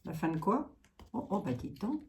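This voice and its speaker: A woman's voice: medium pitch, big pitch swings, moderate pace, a little mellow. A woman with a Lorraine accent giving a tarot card reading, musing aloud with trailing asides and frequent tags. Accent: Lorraine French.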